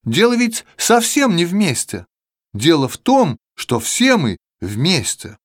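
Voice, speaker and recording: A man's voice: on the high side, huge pitch swings, slow, no echo, clean studio sound, exaggerated voice. A man voicing the whole alphabet as a chorus of letters in a children's verse tale, scolding and reasoning. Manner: lecturing, reasonable.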